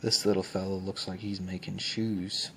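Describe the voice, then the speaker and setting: A man hosting ASMR in a soft, unhurried way, often near a whisper, pausing as he describes things. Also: deep voice, flat delivery, gravelly, slight background noise. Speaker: ASMR host. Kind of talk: soft ASMR book show-and-tell, often dropping to a whisper.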